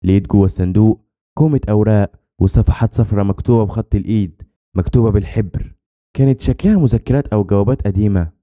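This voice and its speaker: A man with an Egyptian accent telling a scripted horror story in a brisk, tense way. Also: fairly low pitch, dark tone.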